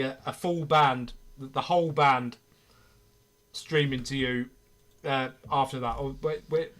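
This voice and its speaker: Halting man chatting on a video call. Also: fairly high pitch, fairly bright tone. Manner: halting, repeats words while thinking aloud. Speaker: lead singer and guitarist of a soul band. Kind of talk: casual live-stream chat.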